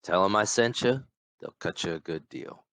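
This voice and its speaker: A man's voice: sits low, moderate pace, a bit bright. A man doing a hollering Southern farmer. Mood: folksy. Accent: rural Southern American. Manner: hollering, then folksy and friendly. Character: loud excitable rustic male farmer.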